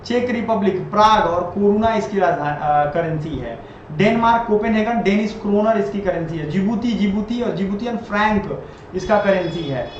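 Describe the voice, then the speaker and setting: A high-voiced man teaching an exam-prep lesson, who drills each answer and asks the viewer to repeat it. The room is very echoey and the sound is dull and lo-fi, with a faint hiss underneath. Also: normal speed.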